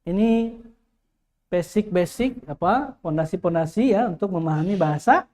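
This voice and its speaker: A man's voice: high-pitched, animated, moderate pace, a little mellow. Guy teaching quran arabic to a class, keeps firing questions, repeats the words over and over. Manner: quizzing, rhetorical questions, repeats key words. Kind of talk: classroom lesson with questions to students.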